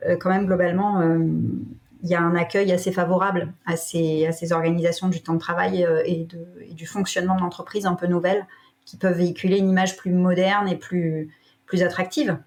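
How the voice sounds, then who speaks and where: A woman's voice: on the low side, flat delivery, fairly quick, a little mellow. A woman speaking as a podcast guest in casual conversation, hesitant, with many fillers.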